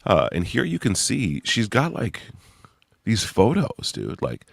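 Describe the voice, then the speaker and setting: A man's voice: fairly low pitch, huge pitch swings, measured pace, creaky, dry recording, clean studio sound. A young man casually walking through his website on screen, rambling and thinking aloud. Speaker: website creator giving a demo. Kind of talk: casual screen-share walkthrough.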